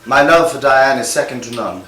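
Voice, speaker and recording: A man acting out a cornered husband who dodges every accusation with wry excuses, in scene work for an acting class. His voice sits at an ordinary male pitch and carries through a roomy space from some distance off. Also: expressive, brisk, sharp tone. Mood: defensive. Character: defensive adult man accused of cheating. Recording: echoey room from a distance.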